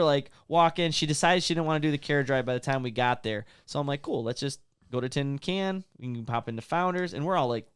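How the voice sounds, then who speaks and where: A man, co-hosting a podcast and telling a long story in a casual, animated way. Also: medium pitch, smooth, no room sound, clean studio sound. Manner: animated storyteller, quick bursts and drawn-out asides. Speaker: podcast co-host.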